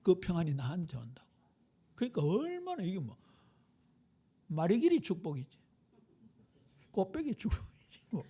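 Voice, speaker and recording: A male pastor from Daegu with a Gyeongsang accent, preaching a lively, joking sermon to his congregation. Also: high voice, moderate pace, long pauses, slightly rough. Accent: Gyeongsang Korean. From Daegu, South Korea.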